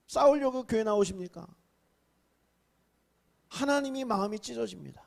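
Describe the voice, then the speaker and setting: Korean guy pastor, high-pitched, preaching, drops to near whispers then shouts out rebukes. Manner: acts out rebukes and quoted speech in a raised voice. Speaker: senior pastor. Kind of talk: sermon.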